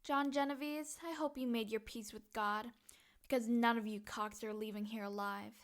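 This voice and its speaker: A woman's voice: high voice, normal speed, a bit bright, breathy edge. A woman voicing a foul-mouthed, fearless and bossy ten-year-old girl vigilante in a comic book dub, cocky and commanding. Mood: cold menace.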